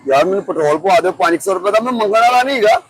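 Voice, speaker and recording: A man's voice: sits high, animated, racing, noisy background. A man with a Punjabi accent from Pakistan, doing a street prank, pleading for money, then teasing with insults. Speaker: prank comedian.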